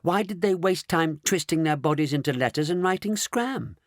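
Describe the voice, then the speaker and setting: A man's voice: fairly high pitch, lively intonation, moderate pace, no echo, clean studio sound, voice pushed up, close to an everyday voice. A man voicing a curious, earnest young boy who asks questions eagerly. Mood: curious questioning.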